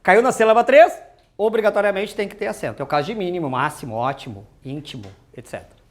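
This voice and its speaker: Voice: mid-range voice, fast talker. A teacher giving an exam-prep grammar lesson, chatty and full of joking asides and rhetorical questions.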